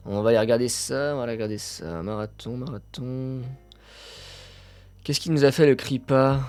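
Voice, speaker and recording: A man hosting a casual live stream about athletics, talking with his chat, full of fillers and sudden excited bursts. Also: medium pitch, moderate pace, soft background music.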